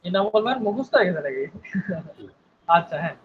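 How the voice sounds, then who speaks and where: A man's voice: high voice, animated, fairly quick, narrow, tinny audio. A male English teacher giving an online spoken English class, patiently repeating words and often checking in with his students.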